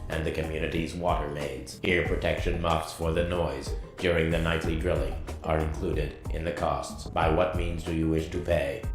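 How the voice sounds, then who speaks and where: A man voicing a deadpan bureaucratic male post office robot in a game, with a glitching robot voice that spits out error messages and a flat, clipped, officious delivery. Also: extremely low pitch, moderate pace, few pauses. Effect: glitching robot voice that repeats error messages. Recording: echoey game audio with music behind.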